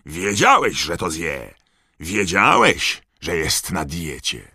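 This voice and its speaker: A man voicing an angry middle-aged wizard father who shouts and scolds his sons. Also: on the low side, huge pitch swings, slow, vocal fry, dry recording, clean studio sound, pitched above the performer's own voice, heavily acted. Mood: angry scolding.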